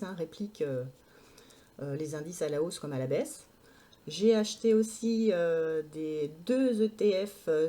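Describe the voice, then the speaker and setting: A woman's voice: mid-range voice, warm tone. A woman talking casually to camera in a vlog update, hesitant, with many filler sounds and restarts. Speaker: vlogger.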